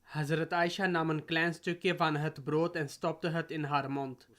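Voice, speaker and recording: A man reading a translated sermon aloud in a steady, measured way. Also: a little high.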